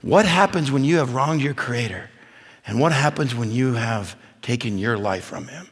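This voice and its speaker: A man preaching at a men's event, telling stories and building from quiet to loud, emphatic points. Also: mid-range voice, lively intonation, normal speed, husky. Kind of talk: sermon. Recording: long hall reverb.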